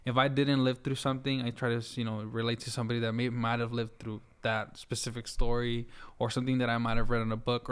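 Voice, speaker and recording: A man's voice: mid-range voice, fairly bright tone, smooth. A man of about twenty, from Juarez, Mexico, a guest musician chatting loosely in an interview, with many fillers and restarts. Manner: rambling, laughs easily, many fillers and restarts. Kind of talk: casual interview chat.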